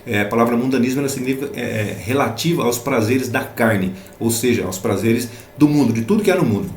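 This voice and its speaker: A man's voice: medium pitch, animated, a little fast, echoey room, a little hiss or hum. Man teaching a Bible lesson. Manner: explanatory, repeating points with rhetorical questions. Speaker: Sunday school teacher.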